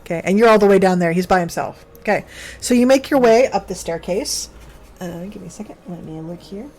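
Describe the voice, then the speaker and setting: A woman's voice: medium pitch, lively intonation, brisk, darkish tone, a little hiss or hum. A woman running a tabletop game as game master, narrating in a rambling way with fillers and self-corrections.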